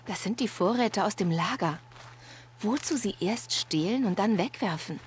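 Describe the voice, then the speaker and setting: Aloy, a calm young huntress. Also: female voice, medium pitch, normal speed, husky. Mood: pondering. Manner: calm, steady, reassuring. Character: young female hunter, calm and persuasive. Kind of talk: video game dub.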